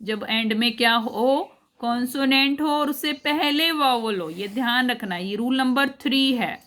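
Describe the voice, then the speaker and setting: A woman teaching a grammar lesson, explaining each rule step by step, repeating it and checking that her students follow, and reading the English rules slowly. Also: on the high side, fairly bright tone. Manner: mixes in English phrases, reads English rules slowly.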